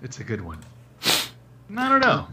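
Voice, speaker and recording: A man's voice: mid-range voice, huge pitch swings, moderate pace, heavy background noise. A man co-hosting with brief, casual interjections in natural unscripted talk.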